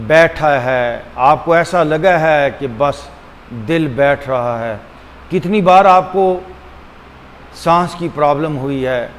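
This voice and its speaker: In a slightly high voice, a male meditation and yoga teacher talks listeners through a guided session at a very slow pace, deliberately repeating phrases with pauses in between. He alternates between Hindi-Urdu and English, and the audio carries a long hall reverb and a faint background hum.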